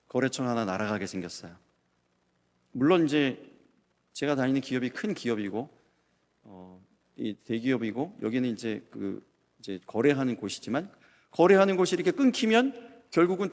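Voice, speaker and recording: A middle-aged male pastor giving a Sunday sermon, swinging between loud emphatic peaks and soft, hushed storytelling. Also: medium pitch. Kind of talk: Sunday sermon with acted anecdotes. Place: church sanctuary. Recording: long church hall reverb.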